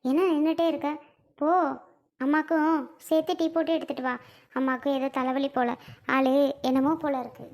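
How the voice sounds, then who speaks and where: A young performer voicing a calm, patient mother-in-law who speaks softly and coaxingly in a family skit. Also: high-pitched, close to an everyday voice. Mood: gentle. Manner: soft, coaxing, slow and patient. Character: calm older mother-in-law, gentle and soothing.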